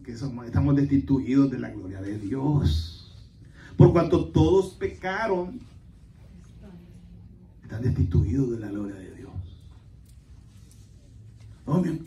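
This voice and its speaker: A man preaching a sermon as pastor, telling folksy stories to his congregation and breaking into loud exclamations. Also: fairly high pitch. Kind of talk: Spanish-language church sermon. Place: church sanctuary. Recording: echoey church hall, mic at a distance.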